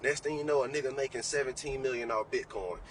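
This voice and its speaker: A man's voice: mid-range voice, fast talker. Blunt profane young man, mic set back. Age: 20s. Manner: blunt, profane, preachy motivational rant. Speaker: trading educator guest. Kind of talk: casual podcast talk. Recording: distant mic with faint background noise.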